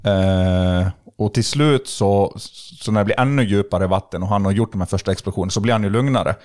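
A young man telling a story in a casual podcast chat, animated and full of fillers and restarts. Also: lowish voice. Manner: animated, acts out dialogue, lots of fillers and restarts. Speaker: podcast guest.

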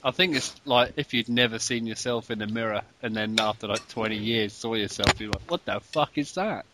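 A chatty man hosting a laid-back gaming podcast, with a bright, forward tone. He laughs easily, swears in passing and keeps the conversation rolling. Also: lowish voice, flat delivery, a little fast, slight background noise. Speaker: podcast host. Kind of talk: casual chat about video games.

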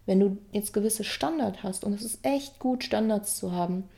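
A woman with a warm, mellow tone and a gravelly edge hosts a relaxed self-help podcast monologue. She talks conversationally, circling back to repeat her points. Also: medium pitch, normal speed. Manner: conversational, repeats phrases, acts out examples. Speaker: podcast host.

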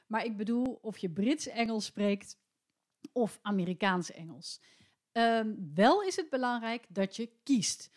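A woman in her forties from the Netherlands hosts her own podcast as a teacher trainer. She talks in a chatty, opinionated way and often stops to hesitate mid-thought. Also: medium pitch. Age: 40s. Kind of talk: solo podcast talk.

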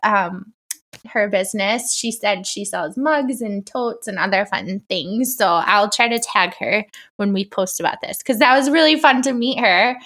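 A woman co-hosting a podcast in casual chat with her sister, chatty and quick to laugh, with a girlish voice. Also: fairly bright tone. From Illinois. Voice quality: high-pitched girlish voice. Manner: chatty, laughs often, many fillers. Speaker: podcast co-host.

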